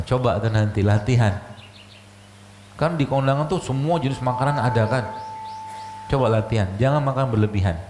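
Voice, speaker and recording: Recorded in an echoey space with a little ambient noise, a man lectures on health from a religious angle as a doctor. His voice is mid-range and somewhat dark. His delivery is casual, peppered with rhetorical questions and repeated "gitu loh" asides.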